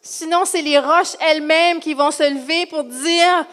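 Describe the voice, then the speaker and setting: A woman with a Quebec French accent playing an excited woman eyewitness in a cheering crowd, calling out to children. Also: sits high, a little slow. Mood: worried. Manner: breathless, shouting to a crowd of children. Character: excited woman eyewitness in the crowd, sister of a man raised from the dead.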